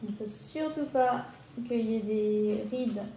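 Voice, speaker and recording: A woman with a French accent, a nail technician reading English exam steps haltingly and chatting casually as she works. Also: on the high side, warm tone, slight background noise. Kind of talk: casual tutorial while working. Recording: echoey room with faint ambience.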